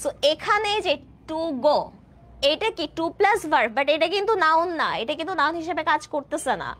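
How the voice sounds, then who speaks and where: A woman in her twenties from Bangladesh, teaching an online English grammar class and often checking that students follow, with slow, drawn-out example sentences. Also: high voice, animated, fairly bright tone. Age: 20s. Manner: keeps asking students questions to check understanding; stretches out example sentences slowly. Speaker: admission test English tutor.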